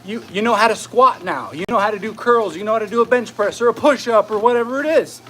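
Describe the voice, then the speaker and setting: High-pitched man talking while exercising on a treadmill. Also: fast talker, sharp tone, slight background noise, low-quality recording. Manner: conversational, often tags phrases with "right?". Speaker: fitness coach giving a live talk. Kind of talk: casual motivational talk.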